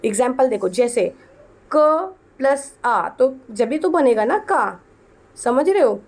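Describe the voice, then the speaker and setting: A woman's voice: a little high, sing-song, measured pace, darkish tone. A woman teaching an exam-prep lesson, asking and answering her own questions, repeating key points and calling her students "beta". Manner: addresses students as beta, firm and coaxing.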